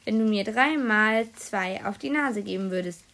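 A woman's voice: medium pitch, moderate pace, fairly bright tone, close to an everyday voice. A woman reading aloud, voicing a weary male schoolteacher who sighs and speaks patiently. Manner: sighing, patient.

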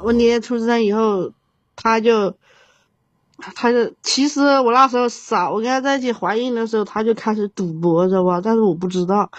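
A woman in her thirties, halting and rambling, with many restarts. The sound is dull and lo-fi, and the recording is dry. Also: a little high, dry recording. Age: 30s. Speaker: caller. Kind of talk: emotional advice call.

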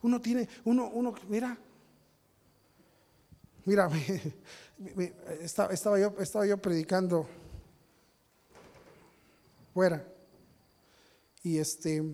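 A man preaching a sermon as a pastor, telling stories, acting out what people said and building to loud peaks. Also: sits high. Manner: storytelling, acts out quotes, rises to shouting peaks.

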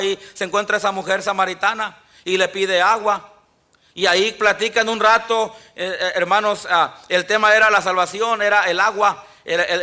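High, bright-voiced pastor preaching. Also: male voice. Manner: preaching with frequent "amén, hermanos" and quoted scripture. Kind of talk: sermon. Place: church sanctuary.

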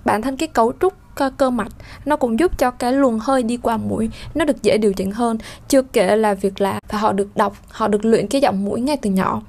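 Woman teaching french sounds, kinda high voice, lots of fillers. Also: a little fast, darkish tone. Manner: explanatory, many fillers, demonstrates vowel sounds. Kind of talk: spoken lesson.

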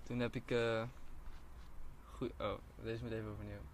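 A man's voice: lowish voice, little pitch movement, moderate pace, slight background noise. Young man telling an awkward story. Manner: storytelling, embarrassed, swearing casually. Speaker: podcast guest. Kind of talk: casual chat.

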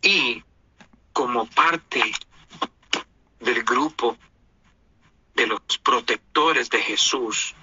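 A man's voice: mid-range voice, very slow, long pauses, bright, forceful tone, dull audio, a little hiss or hum. A man from Honduras with a Honduran Spanish accent, delivering an indignant, preachy opinion monologue as a commentator.

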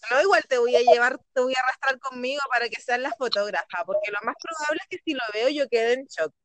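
A woman with a Chilean accent co-hosts a casual podcast, her voice pitched high and bright. She gushes like an excited fan and giggles often. The sound is close and dry with no room around it. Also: quick pace, no room sound. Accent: Chilean Spanish. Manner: giggly, gushing fan talk. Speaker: podcast co-host. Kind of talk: casual chat.

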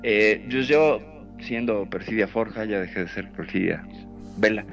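A man with a northern Mexican accent co-hosts a casual radio chat in a fairly low voice. He jokes and repeats words for effect. The sound is dull and lo-fi, with faint music underneath. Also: a little slow, creaky. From Sonora, Mexico. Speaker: radio co-host. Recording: muffled lo-fi online radio with background music.

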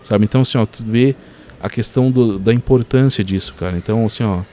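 A man's voice: on the low side, fast talker, slight background noise. A man telling a story as a podcast guest, full of fillers like "cara". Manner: animated storyteller, many fillers like "cara" and "assim, ó".

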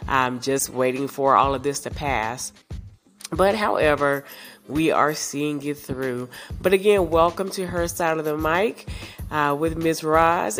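A woman hosting a podcast, her voice congested from sinus trouble, giving reassuring words in a casual monologue full of fillers. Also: low voice. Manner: warm, reassuring, many fillers. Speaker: podcast host.

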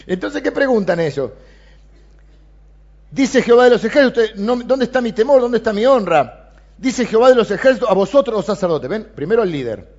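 Man, Rioplatense accent, preacher, high voice, dull lo-fi recording. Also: brisk. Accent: Rioplatense Spanish. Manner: animated, reads scripture aloud with rising emphasis. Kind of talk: sermon. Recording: dull lo-fi sound.

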